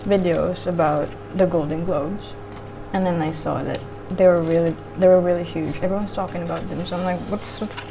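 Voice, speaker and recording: A woman with a slightly low voice talks informally while eating, drifting from thought to thought in a casual mukbang style. She swears casually now and then, and there is clear noise behind her. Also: fairly even intonation, brisk. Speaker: vlogger eating on camera while reviewing a show. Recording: clearly audible background noise.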